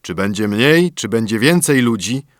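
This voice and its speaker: A man voicing a menacing male giant spirit, speaking slowly and loudly in an audiobook fairy tale. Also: animated, no echo, clean studio sound, close to an everyday voice. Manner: slow, loud and booming.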